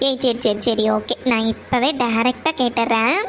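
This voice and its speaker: A woman's voice: on the high side, steady tone, measured pace, a bit bright, a little hiss or hum. A woman voicing a chatty teenage village girl in a cartoon who coaxes and insists, with a Coimbatore Kongu Tamil accent. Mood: coaxing. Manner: coaxing, insistent.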